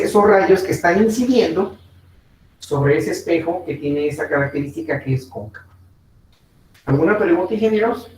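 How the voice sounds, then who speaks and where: A man's voice: on the high side, a little mellow. Man lecturing in an echoey room. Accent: Mexican Spanish. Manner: slow, repetitive explaining with frequent fillers and check-ins. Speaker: physics teacher. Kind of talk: online class lecture. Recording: echoey room, distant mic, faint noise.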